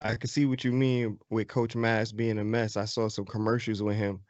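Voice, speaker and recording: A man who is a former player, hosting a podcast in a relaxed and casual conversation. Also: fairly low pitch, normal speed, no echo, lo-fi sound.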